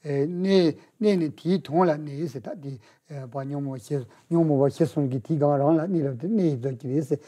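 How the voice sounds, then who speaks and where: Husky-voiced lama teaching slowly. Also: male voice, fairly high pitch, dark tone. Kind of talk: dharma teaching with interpreter.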